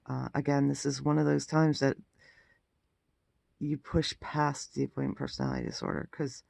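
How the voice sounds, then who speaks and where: Exhausted, very gravelly, croaky man. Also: on the high side, darkish tone, dry recording. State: exhausted and groggy; throat rough after intubation. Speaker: vlogger. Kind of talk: casual personal health update to camera.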